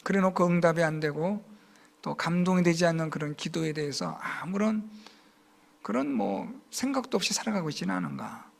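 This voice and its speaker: A man's voice: fairly high pitch, lively intonation, brisk, gravelly. A male pastor with a Gyeongsang Korean accent gives an earnest, emphatic sermon. He repeats key words and asks the congregation rhetorical questions.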